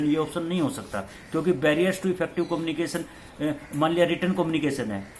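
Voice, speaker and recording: A man's voice: fairly high pitch, slight background noise. A male teacher talking students through multiple-choice answers, repeating key terms and slipping in English phrases. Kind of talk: exam-question lecture.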